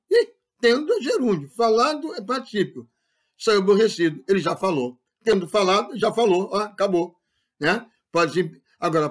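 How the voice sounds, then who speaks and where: A man teaching grammar in a lecture style, often checking whether listeners follow and repeating key points. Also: high voice. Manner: explains with frequent rhetorical check-ins and repetition.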